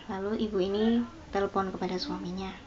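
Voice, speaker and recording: A woman's voice: mid-range voice, steady tone, a little fast, a little mellow. Woman preaching a sermon. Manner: addresses listeners as "saudara", acts out the quoted speech. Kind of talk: sermon with a told story. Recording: slightly dull, faintly noisy recording.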